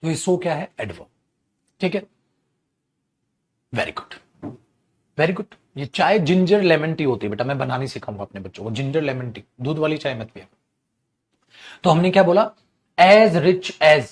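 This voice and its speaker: A man with a Hindi accent teaching an English grammar class online, explaining slowly and asking and answering his own questions. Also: a little high, very animated, a little hiss or hum.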